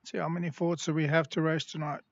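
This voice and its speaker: While live-streaming a sim race, this easygoing South African man pauses now and then to explain the car's handling to viewers. His fairly high, gravelly voice barely moves in pitch, and the audio is dull with no echo.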